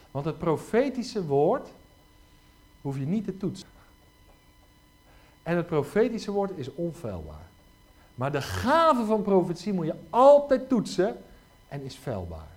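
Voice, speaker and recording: A middle-aged man preaching a lively sermon, often asking his listeners rhetorical questions. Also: on the high side. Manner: animated, frequent rhetorical questions.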